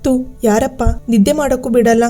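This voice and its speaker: A woman's voice: sits high, steady tone, brisk, mellow, faint music behind. Woman voicing a frightened young woman. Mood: weary. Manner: anxious, pleading.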